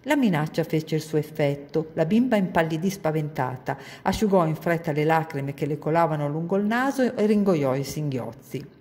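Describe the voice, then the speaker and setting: A woman reading a children's novel aloud at a library in a calm, measured way. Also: deep voice. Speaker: reader at a library.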